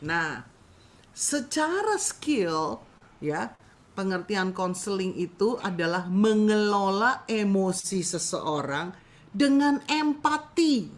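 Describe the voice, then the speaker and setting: A woman's voice: medium pitch, very animated, takes it slowly. A woman teaching a congregation about counseling in a conversational sermon style, asking rhetorical questions and acting out little scenes. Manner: addresses listeners as brothers and sisters, acts out short scenes.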